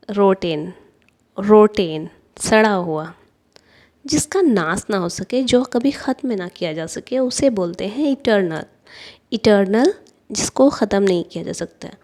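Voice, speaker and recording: A woman teaching English vocabulary, repeating each word with a deliberate, drilling manner. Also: medium pitch.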